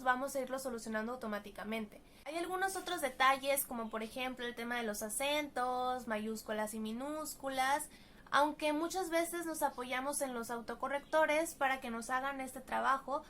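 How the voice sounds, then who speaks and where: High-voiced woman teaching a writing lesson. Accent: Mexican Spanish. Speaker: writing workshop instructor. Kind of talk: scripted teaching narration.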